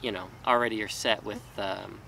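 This casual talking-head vlog features a small farmer in his thirties in his vegetable garden, talking loosely with fillers and restarts. He has a low-leaning, creaky voice that is bright and forceful, with fairly even intonation at a normal speed. The camera mic is a few feet away, so the recording sounds distant with faint outdoor noise.

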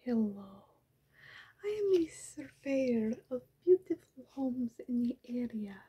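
Her soft whisper sits a little high, swinging widely in pitch, slow and heavily acted with a breathy edge. The young ASMR creator roleplays a scheming vampire woman wearing silly disguises who wheedles and pleads in broken, formal English, filmed on a close webcam in a small pink-backdropped bedroom.

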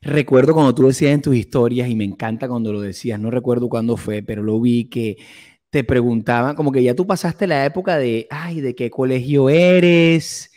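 A man's voice: medium pitch, a little fast, dark tone. A man hosting a casual interview, teasing his guest and pressing her with colloquial questions. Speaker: host.

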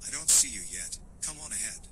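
An actor voicing a stalker on the phone in a horror game, politely probing and taunting behind a friendly front. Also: male voice, on the low side, animated, fast talker, poor audio. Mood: menacing, taunting. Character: male stalker caller, feigned friendliness turning menacing. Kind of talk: scripted horror game dialogue. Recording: loud music underneath. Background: horror game soundtrack.

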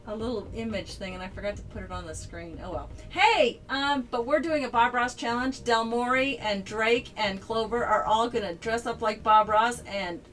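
A woman's voice: a little high, normal speed, few pauses, a bit bright, poor audio. A woman hosting a casual livestream, chatting in an upbeat, rambling way. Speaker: streamer and game designer host.

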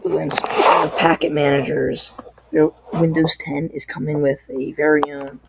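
A sick, hoarse tech tutorial host talking through a screen recording in a halting, apologetic way. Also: medium pitch, level tone, very noisy. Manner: halting, apologetic, loses train of thought.

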